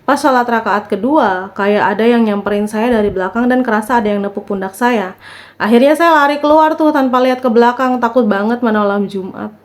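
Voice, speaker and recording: Seorang wanita muda membacakan kisah horor pendek dari internet dengan gaya santai dan mengobrol, sambil sesekali berseru kaget. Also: female voice, a little high, brisk. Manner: chatty, reacts with small shocked exclamations. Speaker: horror story reader. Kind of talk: casual reading of short horror posts.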